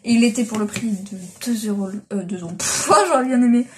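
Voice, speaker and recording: A woman's voice: fairly high pitch, quick pace. Young woman rambling in a chatty vlog. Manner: rambling, chatty, many fillers and restarts. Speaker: manga vlogger. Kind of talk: casual chat. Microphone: built-in device mic.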